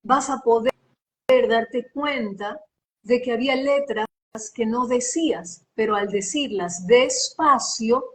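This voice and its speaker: A voice-over artist gives advice on a live video call, speaking emphatically like a teacher, repeating phrases with a slight sing-song lilt. Her voice is a little high and her pace slow.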